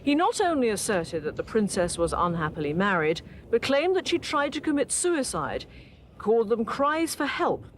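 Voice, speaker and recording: A woman's voice: a little high, big pitch swings, moderate pace, slight background noise. A woman delivering a scripted news report.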